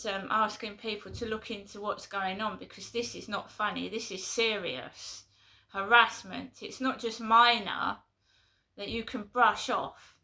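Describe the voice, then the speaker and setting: A vlogger from London, England, with a London accent, vents to camera in a casual vlog, exasperated and repeating herself in short bursts. Her medium-pitched voice sounds pushed and bright.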